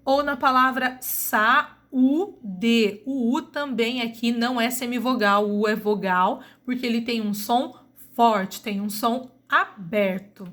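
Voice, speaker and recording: A woman teacher with a Brazilian Portuguese accent giving a recorded grammar lesson, slowly and deliberately spelling out sounds. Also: fairly high pitch, fairly even intonation, a bit bright.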